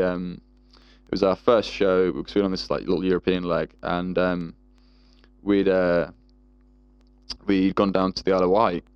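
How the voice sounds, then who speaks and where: A man's voice: sits low, dry recording, lo-fi sound. A man in casual chat, rambling and swearing freely with lots of fillers. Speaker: guest musician.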